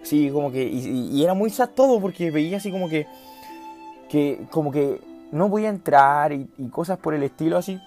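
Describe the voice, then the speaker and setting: A man's voice: fairly high pitch, expressive, normal speed, a little mellow, faint music behind. A late-teen man with a Chilean accent telling a rambling, self-mocking story in a casual vlog, slangy and acting out the dialogue. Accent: Chilean Spanish. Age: late teens. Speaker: vlogger.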